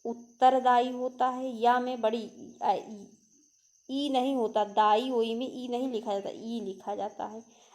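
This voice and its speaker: A woman's voice: a little high, fairly even intonation, slow pace, darkish tone. A young woman teaching an exam-prep spelling lesson, going through words one by one and asking rhetorical questions. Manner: drills word by word, asks rhetorical questions. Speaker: Hindi teacher.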